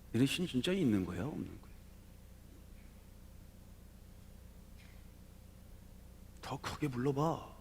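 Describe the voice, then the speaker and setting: Preacher doing a taunting prophet. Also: male voice, mid-range voice, fairly bright tone, a little hiss or hum, pitched above the performer's own voice. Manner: taunting, goading. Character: bold male prophet mocking rival priests.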